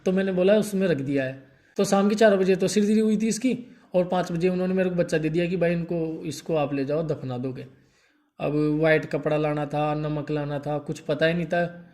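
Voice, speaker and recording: A young man telling a painful personal story in a halting, grief-stricken way, stopping often to soothe someone beside him. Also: on the high side, a little mellow. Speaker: vlogger telling his story.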